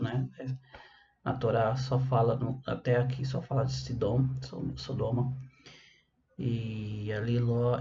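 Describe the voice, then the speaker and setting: A man's voice: mid-range voice, noisy background. A man giving a casual Torah lesson, talking conversationally and often checking in with his listeners. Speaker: Torah teacher. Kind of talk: casual teaching talk. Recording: dull lo-fi recording.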